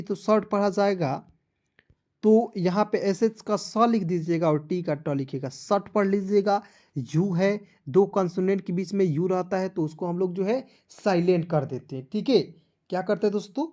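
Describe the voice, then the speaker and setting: Mellow-voiced man teaching phonics. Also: high-pitched. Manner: spells words letter by letter, then quizzes viewers; patient, repetitive explaining. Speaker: English teacher. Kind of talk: online phonics lesson.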